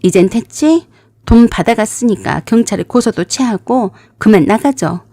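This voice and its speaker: A woman's voice: fairly high pitch, lively intonation, normal speed, warm tone, no room sound, clean studio sound. A woman voicing a brazen, shameless young woman swindler with a whiny manner.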